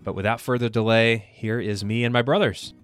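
A man's voice: lowish voice, steady tone, a little fast. A man in his thirties hosting a podcast in casual chat, rambling with lots of fillers and restarts. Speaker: podcast host.

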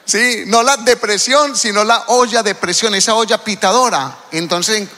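Bright-voiced preacher. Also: male voice, high voice, moderate pace. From Colombia. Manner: lively, calls out to the congregation. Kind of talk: sermon. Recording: hall reverb.

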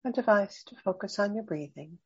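A woman guiding a slow breathing meditation, speaking softly and soothingly with long pauses. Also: mid-range voice, lively intonation, breathy edge, highs cut off. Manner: slow, soft, soothing and unhurried. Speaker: meditation guide.

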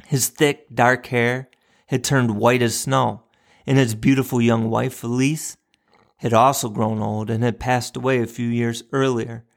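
A man hosting a podcast for educators, reading a moral tale in a measured, reflective way. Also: mid-range voice, little pitch movement, vocal fry. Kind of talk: storytelling narration and podcast outro.

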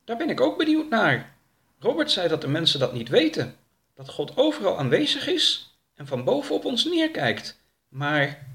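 A man voicing a naive, gentle traveller in a storybook reading, earnest and innocent. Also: sits high, wildly swooping pitch, moderate pace, gravelly, pitched above the performer's own voice, full character voice. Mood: thoughtful.

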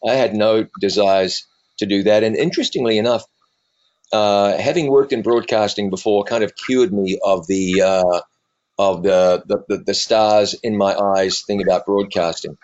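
A New Zealand accent, mellowed by decades living in the US, belongs to this middle-aged evangelist and TV presenter. He answers interview questions with stories, cracking jokes at his own expense in an animated way. His voice runs low at normal speed, and the sound is lo-fi.

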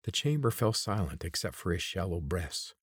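Deep, husky male narrator. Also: sing-song, normal speed, no echo, clean studio sound. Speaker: audiobook narrator. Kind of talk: scripted narration.

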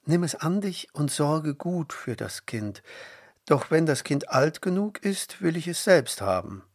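A man voicing an excited compassionate princess. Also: a little high, measured pace, no echo, studio quality, pitched above the performer's own voice, full character voice. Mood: kindly commanding. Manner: raised excited exclamations, tender pity. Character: proud young Egyptian princess, compassionate.

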